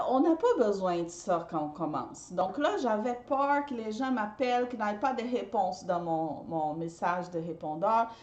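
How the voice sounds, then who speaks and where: A woman's voice: fairly high pitch, a little mellow, echoey room. A woman who is not a native French speaker gives casual advice straight to her viewers, often repeating herself. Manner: chatty, repeats herself, addresses viewers directly. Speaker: party decorator and business coach.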